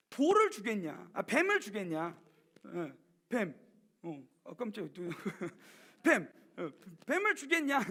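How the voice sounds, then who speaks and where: A man in his thirties delivers a youth sermon in a church, his voice unusually high and bright. There is a gravelly edge under his words. He tells his story animatedly, swinging between loud emphasis and hushed, intimate moments. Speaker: pastor.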